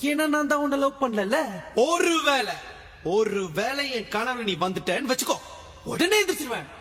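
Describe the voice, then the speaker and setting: A man's voice: very high-pitched, pushed and bright, exaggerated voice. A petulant lovesick boy. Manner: repetitive, petulant, half-laughing. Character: sulky teenage boy in denial of love. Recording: long hall reverb.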